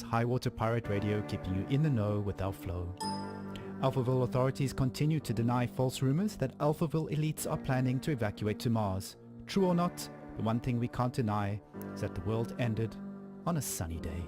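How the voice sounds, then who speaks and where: A man's voice: medium pitch, lively intonation, fairly quick, lightly acted. An actor playing a male pirate radio DJ in a game trailer, delivering breezy, rhyming broadcast patter over music.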